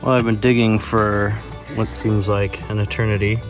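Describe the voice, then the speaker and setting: A man's voice: lowish voice, level tone, normal speed, over music. A man narrating a casual outdoor vlog as a metal detecting hobbyist, thinking aloud in a musing, tentative way. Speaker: metal detecting hobbyist presenting his finds. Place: outdoors in a backyard.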